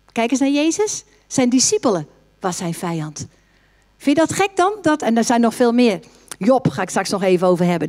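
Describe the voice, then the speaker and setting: A woman pastor preaching a sermon, quoting scripture with lively, sudden high exclamations. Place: church hall.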